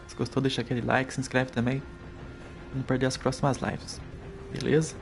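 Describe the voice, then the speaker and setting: A man's voice: mid-range voice, level tone, fast talker, creaky. Brazilian man chatting over game music. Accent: Brazilian Portuguese. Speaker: live streamer. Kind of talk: casual game stream commentary.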